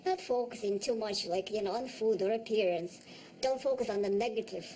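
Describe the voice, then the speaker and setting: In a documentary interview, a Russian woman in her forties speaks with a Russian accent, measured and punctuated by pauses and restarts. Her mid-range voice is mellow, though the audio quality is poor.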